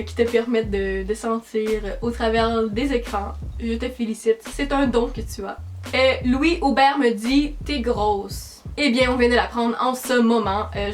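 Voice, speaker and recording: A teenage girl with a Québécois French accent, chatting casually in a vlog and answering comments with dry sarcasm. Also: fairly high pitch. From Quebec, Canada. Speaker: YouTuber.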